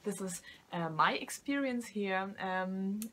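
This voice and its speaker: Slow-paced and lively in intonation, this medium-pitched, slightly bright voice belongs to a middle-aged woman, not a native English speaker. She's a tarot reader and vocal coach talking casually to camera, filling her speech with fillers and restarts.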